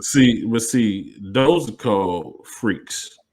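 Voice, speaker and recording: A man in a casual podcast discussion. He speaks emphatically and makes his points by circling back with the same checks on his listener. His voice sits a little on the low side. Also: expressive, slow, a little mellow, poor audio. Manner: emphatic, repeats "you know what I mean". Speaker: podcast co-host.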